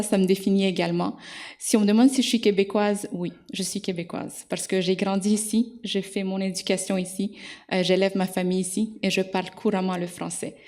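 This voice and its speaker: A woman in her forties from El Salvador, speaking as a panelist in a measured way. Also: on the low side, darkish tone. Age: 40s. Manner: measured, repeats "donc". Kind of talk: panel discussion.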